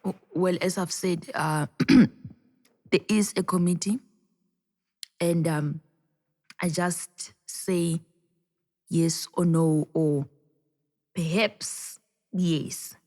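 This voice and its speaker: A man putting on a squeaky, evasive official. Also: fairly even intonation, very slow, pauses often, darkish tone, long reverb tail. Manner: hesitant, clears throat, dodges questions. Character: evasive flustered male official, throat-clearing.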